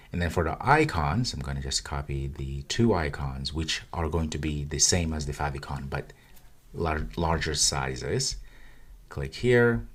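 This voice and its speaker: A man's voice: extremely low pitch, breathy edge. A man giving a casual screen-recorded coding tutorial, talking through each step as he clicks around his project. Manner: casual, talks while clicking through files. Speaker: coding instructor.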